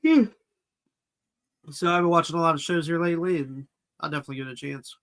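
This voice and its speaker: A man's voice: on the high side, quick pace, a bit bright. A man hosting a casual live chat about toys and films, answering viewers' comments as he goes. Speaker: toy collector channel host.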